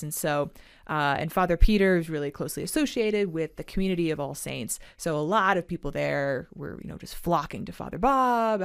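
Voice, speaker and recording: A woman co-hosting a podcast, talking in a loose, chatty way full of fillers and restarts. Her voice sits on the lower side, and the recording is dry and close, with no room sound. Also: clear, resonant tone, no echo. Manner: chatty, animated storytelling with many fillers. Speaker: podcast co-host. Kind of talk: casual chat.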